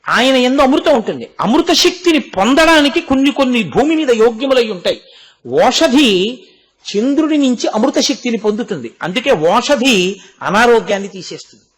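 A man speaks in a strikingly high voice as he gives a devotional discourse. He teaches through homely examples and rhetorical questions put to his listeners. He also recites Sanskrit verses in a chanting cadence. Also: fairly bright tone. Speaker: spiritual speaker.

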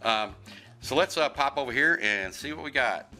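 Again hosting his tech tutorial over soft background music, the Kentucky HVAC contractor speaks at normal speed in a bright, forceful, medium-pitched voice with lively intonation. He's folksy and enthusiastic, saying things more than once.

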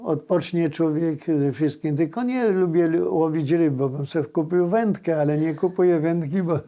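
An older man, reminiscing informally in plain, folksy, halting phrases. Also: fairly high pitch, warm tone. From Poland, riverside village in Lesser Poland. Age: older, born 1938. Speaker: local resident recalling village life.

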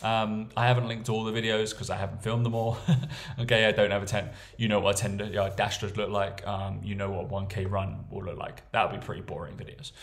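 A man's voice: lowish voice, level tone, fairly quick. A young man coaching casually while walking through a training plan, often checking in with "okay?" and "right?". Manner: chatty, tags lines with "okay?" and "right?". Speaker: strength coach. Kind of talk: casual screen-share walkthrough.

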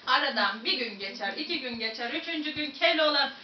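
At a museum site surrounded by onlookers and photographers, a folk storyteller with a Central Anatolian Turkish accent addresses her audience directly, reciting a traditional tale in rhymed, rhythmic patter. Her high voice is animated and brisk. The audio sounds distant, echoey and dull, with faint noise.

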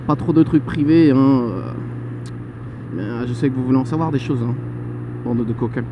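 Young man, joking motorbike vlog, muffled lo-fi mic, loud traffic behind. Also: mid-range voice, normal speed. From Paris suburbs. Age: 20s. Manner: chatty, joking, exclaims "oh là là". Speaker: motovlogger. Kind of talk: casual vlog while riding a motorcycle. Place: motorcycle on city roads. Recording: lo-fi helmet mic with traffic noise. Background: traffic and horns.

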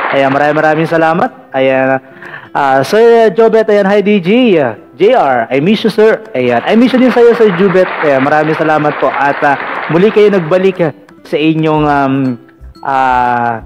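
A man hosting a casual live call-in vlog, chatty and teasing, filling pauses with "ayan". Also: a little high, muffled recording. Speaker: vlog radio-style host taking callers.

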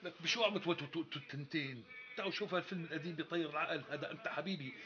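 Actor for a chatty uncle, rapid and animated, dull sound. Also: male voice, on the high side, music in the background, close to an everyday voice. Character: lively middle-aged uncle, fond of old films.

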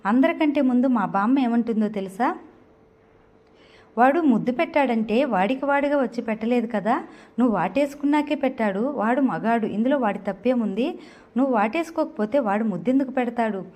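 A woman's voice: fairly high pitch, lively intonation, brisk, darkish tone. Woman voicing a smug teasing young man. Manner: teasing, stubborn, smirking argument.

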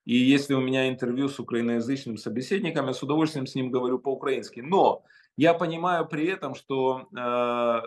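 The speaker is an interview guest, a Ukrainian man in his fifties calling in by video from a home study. He speaks in a mid-range voice, and his answers come out emphatic and halting, full of hesitations.

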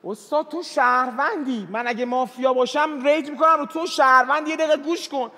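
A man competing in a party game show, arguing his case quickly and insistently. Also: extremely high pitch, fairly even intonation, bright, forceful tone, big-room sound.

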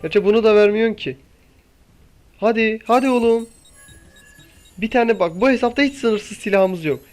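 A young man with a high voice talks through his gameplay in casual commentary. He keeps impatiently pleading and coaxing the game. Faint music plays behind him. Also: moderate pace. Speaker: gaming YouTuber.

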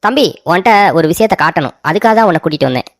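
A woman's voice: lowish voice, animated, racing, no echo, clean studio sound. A woman voicing a bossy, melodramatic older brother in a cartoon story, talking in a scolding, blustering way. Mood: scheming. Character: bossy, self-pitying elder brother, grown man.

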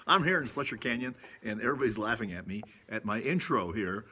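Out in a shady rocky canyon, an older man vlogs casually, recording himself on a phone at arm's length and rambling in a self-amused, folksy manner. He talks fast and expressively in a fairly low, sharp-toned voice, with a little hiss or hum on the audio.

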